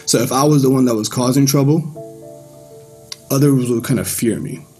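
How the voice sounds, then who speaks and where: A man from Iran giving his personal faith testimony to a church group in a casual, loose way, with frequent pauses and restarts. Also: medium pitch, steady tone, a little mellow, soft background music.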